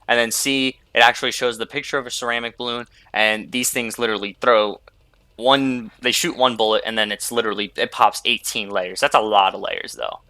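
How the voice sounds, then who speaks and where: A man's voice: mid-range voice, fairly even intonation, fairly quick, pushed and bright, no echo. A young man hosting a gaming video, rambling casually over his gameplay and filling gaps with "like" and "you know". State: sleepy, yawning. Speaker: gaming channel host.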